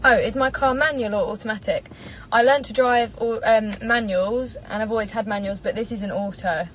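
This English woman in her twenties is a singer doing a casual live stream from a parked car, reading comments aloud into a propped-up phone in a chatty, giggly, bubbly way. She speaks at normal speed with a slightly high voice and fairly even intonation. Slight background noise comes through on a rough recording.

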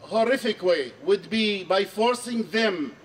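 A middle-aged man from Syria giving an earnest, measured speech at an outdoor protest, repeating key phrases for emphasis. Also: high voice, lively intonation, far from the mic, a little hiss or hum. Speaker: archbishop speaking at a rally. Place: outdoor square under trees. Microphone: handheld mic on a stand.

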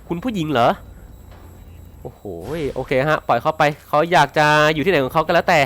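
A man commentating his game playthrough in an excitable way, swearing and laughing as he plays. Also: fairly high pitch, fairly quick. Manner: excitable, swears and shouts often; laughs a lot. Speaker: gaming YouTuber.

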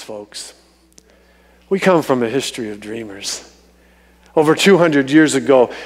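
Speaking in a mid-range voice, a man of fifty-four preaches as a guest on stage in a big church sanctuary. His delivery is animated, and he repeats lines emphatically for effect, with the church hall's reverb around him.

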